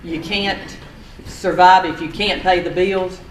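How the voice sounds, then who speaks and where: A man speaking for a local hospital at a county meeting, earnest and steady with a faith-minded tone. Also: sits high, takes it slowly. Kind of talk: closing public remarks. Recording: echoey hall, distant mic, faint hiss.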